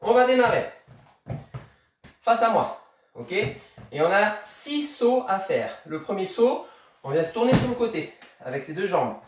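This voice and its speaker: A man's voice: high voice, big pitch swings, unhurried, long pauses, very echoey, recorded from a distance, a little hiss or hum. A man coaching children through a tennis workout, counting reps aloud and encouraging them while he demonstrates. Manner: moving while talking, demonstrating exercises. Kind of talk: instructing a kids' home tennis workout.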